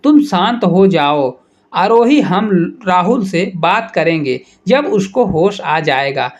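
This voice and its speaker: A man's voice: high-pitched, lively intonation, slow. A man reading as a caring, worried young wife. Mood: concerned.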